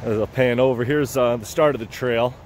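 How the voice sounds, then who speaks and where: A man of middle pitch, chatting casually to the camera he holds as he walks a woodland trail by a lake. He talks in an easygoing, rambling way and repeats the openings of his phrases. Faint hiss and distant highway traffic sit under the outdoor recording. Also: fairly even intonation, a little fast. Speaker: hiking vlogger. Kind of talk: casual walking commentary to camera. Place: outdoors on a wooded lakeside trail. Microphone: handheld camera or phone held by the walker.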